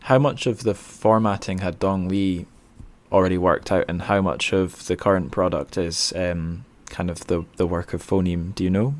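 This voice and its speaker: A podcast host with a low voice and fairly even intonation conducts a casual interview at a moderate pace. He comes across as awkward, hesitant and self-deprecating.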